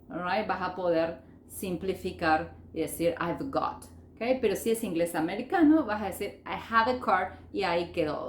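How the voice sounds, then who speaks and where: Woman language teacher, echoey room, faint background hum, keeps asking ok?. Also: medium pitch. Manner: checks in constantly with "ok?" and "sí?"; slows down to model example phrases. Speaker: English teacher. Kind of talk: online language lesson.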